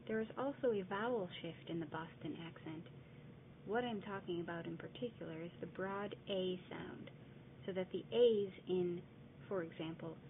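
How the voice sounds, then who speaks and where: A woman reads a scripted lesson on accents in a clear, deliberate manner, stretching out example words. Her voice sits in a middle range. The sound is narrow and phone-like, with a faint hiss underneath. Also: medium pitch. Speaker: narrator explaining a dialect. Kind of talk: scripted educational narration. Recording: lo-fi phone-like audio, faint noise.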